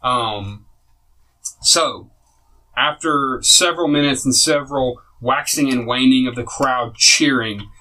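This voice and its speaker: A man's voice: medium pitch, sharp tone, poor audio. A man narrating a tabletop game as game master, casual and rambling, with many fillers and small laughs.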